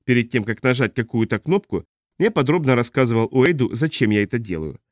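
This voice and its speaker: A man narrating a science fiction audiobook in the first person, at a measured, calm pace. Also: medium pitch, dry recording, studio quality.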